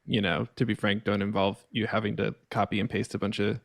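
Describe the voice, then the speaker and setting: Low, flat-voiced man asking a question. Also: fairly quick, vocal fry, no room sound, clean studio sound. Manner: hesitant, with many fillers. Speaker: audience member asking a question. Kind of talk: question from the audience.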